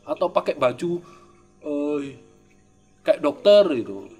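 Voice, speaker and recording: A man who is a Buddhist monk, giving an informal Dharma teaching in a lively, conversational way, full of rhetorical questions. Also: slow pace, husky, soft background music. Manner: acts out quoted speakers with raised pitch.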